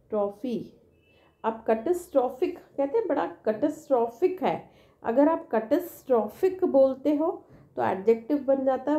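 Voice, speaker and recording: An Indian woman teacher explains words slowly and patiently, saying each one over and over. Her voice is mellow and a little high. The room around her has a clear echo. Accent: Indian English. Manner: slow, patient, repeats each word and its spelling; ends phrases with tag questions. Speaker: English teacher. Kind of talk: vocabulary lesson in Hindi mixed with English.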